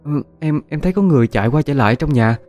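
A man's voice: a little high, lively intonation, racing, darkish tone, soft background music, pitched above the performer's own voice, close to an everyday voice. Man putting on a timid, pleading young wife. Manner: pleading, flustered, stammering. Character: timid anxious young woman, daughter-in-law.

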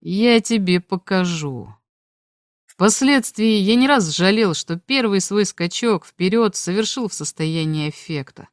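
A woman reading a novel aloud as an audiobook, telling a first-person story in a calm, even way. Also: lowish voice, dry recording, clean studio sound. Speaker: audiobook reader. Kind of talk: scripted narration of a novel.

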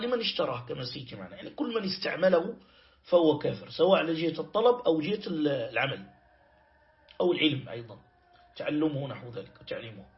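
A man teaching a Quran commentary lesson, reciting verses slowly and checking that his students follow. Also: on the high side, muffled recording. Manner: explains slowly, quotes verses and checks with "clear?". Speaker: Islamic teacher. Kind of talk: tafsir lesson.

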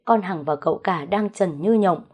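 Low-voiced woman narrating a drama. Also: moderate pace, a little mellow, husky. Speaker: storyteller. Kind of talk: first-person audio story narration.

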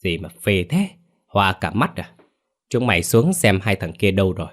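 A man's voice: low-pitched, sing-song, moderate pace. A man voicing a foul-mouthed, hot-tempered male gang boss who swears and snaps orders. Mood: bossy.

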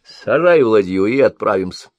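A man's voice: lowish voice, lively intonation, normal speed, dry recording, highs cut off, natural voice. A man reading an audiobook voices an arrogant sorcerer who barks orders. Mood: imperious. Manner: commanding, sharp calls. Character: arrogant male sorcerer, imperious and impatient.

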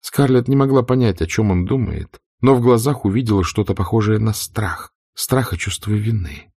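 A man narrating a novel in an audiobook, measured and expressive. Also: fairly low pitch, gravelly, husky, no echo, studio quality. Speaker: audiobook reader. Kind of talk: scripted narration.

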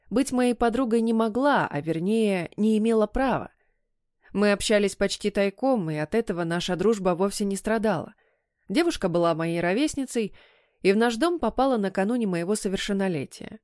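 In studio-quality audio with no room sound, a mid-range female voice reads scripted audiobook narration, keeping her storytelling measured and even.

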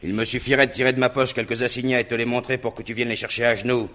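An actor playing a rich, reckless young merchant's son who swings from low mutters to roaring shouts, in a 1960s radio drama. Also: male voice, flat delivery, racing, natural voice. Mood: taunting.

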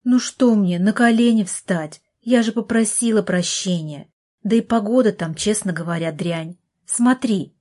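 A woman's voice: mid-range voice, a little slow, mellow, natural voice. A woman reading an audiobook, voicing a tired young therapist who coaxes her younger brother. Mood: coaxing. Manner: weary, coaxing.

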